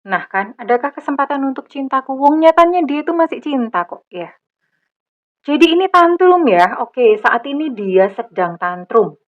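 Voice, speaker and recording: A middle-aged woman giving a general tarot reading, chatty and animated, with many fillers. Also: medium pitch. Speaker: tarot reader. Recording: slightly dull lo-fi recording.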